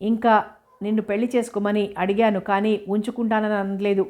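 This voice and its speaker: A woman's voice: medium pitch, little pitch movement, brisk, mellow, close to an everyday voice. A woman reading the lines of an arrogant older male headmaster, with sneering, insulting retorts.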